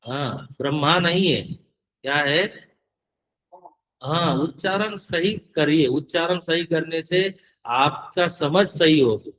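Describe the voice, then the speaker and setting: A man teaching a scripture class, reciting Sanskrit in a slow chant and carefully correcting his students' pronunciation. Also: fairly high pitch, a bit bright, low-quality recording.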